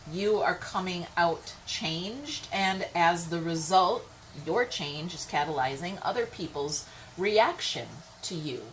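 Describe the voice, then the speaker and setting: Woman, tarot reader, lowish voice, chatty, blunt, keeps asking "okay?". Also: slight background noise, poor audio. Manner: chatty, keeps checking in with "okay?" and "all right?"; blunt, swears casually. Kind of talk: casual tarot reading to camera.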